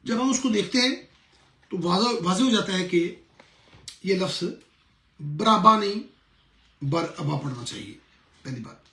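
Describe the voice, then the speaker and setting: A middle-aged man, a pastor, teaching a lesson in an earnest sermon style and slowly repeating words to show how they are pronounced. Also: high-pitched, sing-song, fairly bright tone, reverberant.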